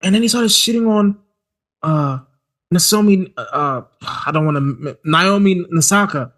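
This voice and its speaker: A podcast co-host chats casually and animatedly in a high voice, speaking a little slowly. He stammers and frequently restarts his sentences.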